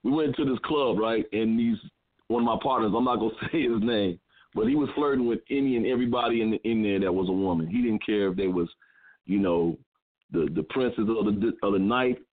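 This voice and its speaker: A man's voice: fairly low pitch, fairly quick. Man telling a story over a phone line. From California. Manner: animated storyteller who acts out friends' lines. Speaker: guest. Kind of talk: casual storytelling. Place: calling in to an internet radio show.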